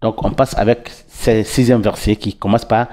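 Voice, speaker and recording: A man teaching Quran recitation, patiently breaking words into syllables and repeating them slowly. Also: lowish voice, steady tone, darkish tone. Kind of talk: slow syllable-by-syllable recitation lesson. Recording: dull lo-fi recording.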